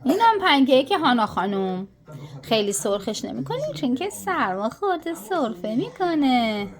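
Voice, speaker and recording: A woman's voice: high voice, very animated, crowd noise. An older woman cooking pancakes with her granddaughter in a home kitchen, chatting and coaxing her in a doting way. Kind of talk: casual cooking vlog.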